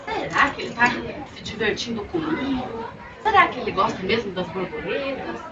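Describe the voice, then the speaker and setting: A woman's voice: high-pitched, sing-song, fairly quick, muffled recording. Woman voicing a shy, fretful young girl. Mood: hushed, unsure. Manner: fretful, wondering aloud. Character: shy young girl, worried and easily embarrassed. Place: bookstore event. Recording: roomy, distant mic, crowd and noise.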